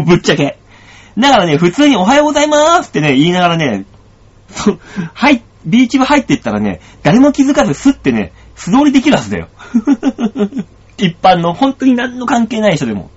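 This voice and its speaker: A man's voice: high-pitched, fairly quick, breathy edge. A man hosting a radio show as a comedian, telling a story in casual chat and acting out the dialogue. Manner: animated storytelling, acts out dialogue. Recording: dull lo-fi sound.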